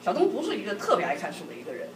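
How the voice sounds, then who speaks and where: A middle-aged woman giving a sermon-like talk on marriage to a church group, telling personal stories in a lively way with frequent laughter. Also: mid-range voice, racing. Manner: lively, laughing often, acts out quotes. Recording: echoey hall, distant mic, background noise.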